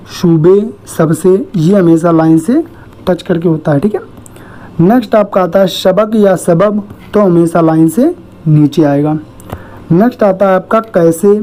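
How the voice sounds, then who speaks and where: A woman's voice: on the low side, mellow. A woman teaching shorthand in an online lesson, explaining each stroke step by step and often checking in with "ठीक है".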